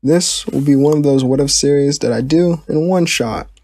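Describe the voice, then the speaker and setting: A man's voice: on the high side, moderate pace, a little mellow, no room sound. A young man hosting his channel and narrating a fan story in a casual, plain way. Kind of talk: reading a fan story aloud.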